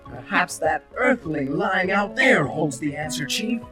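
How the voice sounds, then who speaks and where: A man voicing a calm, loyal robot lieutenant on a 1980s read-along record, sounding distant from the mic. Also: a little high, measured pace, music in the background. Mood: steady.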